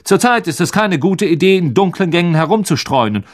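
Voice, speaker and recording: A man's voice: high voice, lively intonation, a little fast, voice pushed up. A man voicing a bossy, stiff teenage schoolboy prefect who talks in a self-important way. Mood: stiff, indignant.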